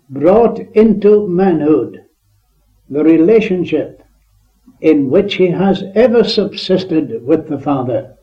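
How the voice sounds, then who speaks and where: A man preacher reading a written address aloud in a solemn, measured way, heard on an old tape recording. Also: on the high side, muffled recording.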